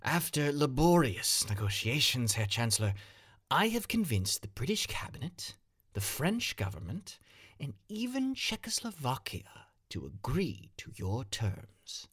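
A flustered older statesman, as a male narrator puts him on, pleads in a strained, raised voice that leaps about in pitch. He sounds anxious and indignant. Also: huge pitch swings, unhurried, a bit bright, slightly rough, heavily acted. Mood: earnest.

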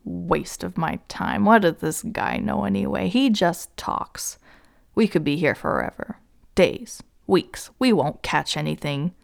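A woman's voice: lowish voice, unhurried, gravelly. A woman doing a grumpy stubborn fisherman. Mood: grumbling. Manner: grumbling, annoyed.

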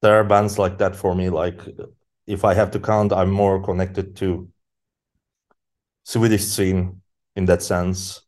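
A man, a podcast guest speaking English as an in halting casual talk with many fillers. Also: sits low, level tone, darkish tone. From Turkey. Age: 30s. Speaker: guest musician. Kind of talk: casual interview chat.

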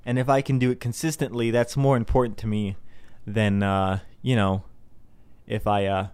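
A man's voice: on the low side, little pitch movement, normal speed, a little mellow, clean tone, no echo. A man hosting a casual solo monologue who rambles from topic to topic and laughs at his own jokes. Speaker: host.

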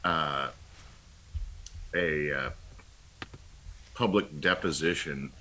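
A man co-hosting a political talk show, talking in a halting, wry way with many ums and pauses. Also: a bass voice, pushed and bright, slight background noise. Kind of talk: casual political commentary.

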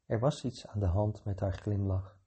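A man reading a short story aloud in a calm, measured way, with a gravelly, husky voice. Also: lowish voice.

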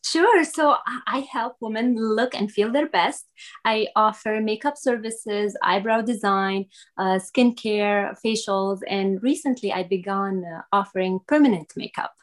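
A middle-aged woman from Syria with a Syrian Arabic accent, speaking earnestly as a podcast guest, often pausing with "uh" and "um". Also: medium pitch. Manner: earnest, with many "uh" and "um" pauses. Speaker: guest, makeup artist. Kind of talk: podcast interview.

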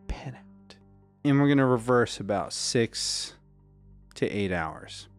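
Man, game master, slow scene narration, low voice, faint music behind. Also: clear, resonant tone.

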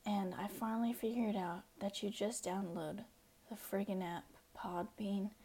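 A woman's voice: fairly high pitch, slight background noise, rough recording. Rambling young woman podcasting from home. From United States. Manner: rambling, self-deprecating, drifts to a soft near-whisper at times. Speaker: podcast host. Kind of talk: casual solo podcast.

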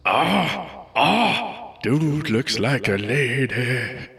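A man's voice: sits low, slow pace, pushed and bright, husky, exaggerated voice. An actor playing the crude, leering ghost of an old man haunting an airport, who teases with folksy slang. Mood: mocking.

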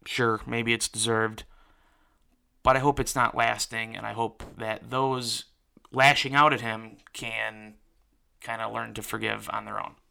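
Earnest man hosting, bright creaky voice. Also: fairly low pitch, flat delivery, a little slow. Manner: earnest, filler-heavy with restarts. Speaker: podcast host and interviewer. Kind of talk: casual spoken commentary then interview.

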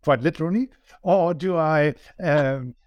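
Speaking with a German accent, a business owner from Germany in his sixties talks earnestly as a guest in a casual interview, often restarting his sentences. He has a slightly high, darkish voice and a measured pace. The recording has no echo, and its highs are cut off.

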